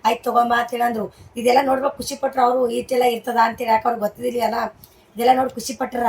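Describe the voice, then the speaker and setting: A woman's voice: fairly high pitch, little pitch movement, racing, darkish tone, breathy edge. A mother, hosting a family vlog at home, coaxing and comforting and talking to viewers as friends. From Maharashtra border region.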